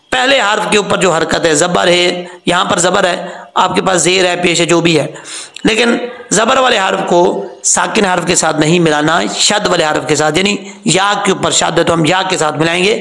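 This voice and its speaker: A man with a high, gravelly voice gives a Quran pronunciation lesson. He explains the rules plainly and draws out sounds slowly so learners can copy them. The room has an echo. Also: sharp tone. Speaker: Quran recitation teacher. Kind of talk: tajweed lesson.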